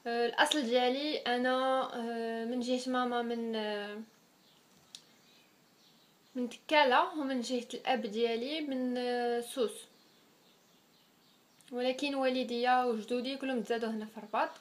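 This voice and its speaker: A woman's voice: a little high, steady tone, normal speed, pauses often. A woman in her twenties with a Moroccan accent, chatting casually as a vlogger answering viewers' questions and slipping French words into her speech. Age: 20s. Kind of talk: casual Q&A vlog.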